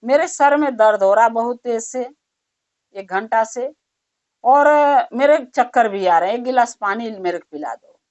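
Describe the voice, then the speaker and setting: A woman's voice: a little high, expressive, measured pace, a little mellow. A woman voicing a proud middle-aged male shopkeeper who talks insistently. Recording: dull muffled recording.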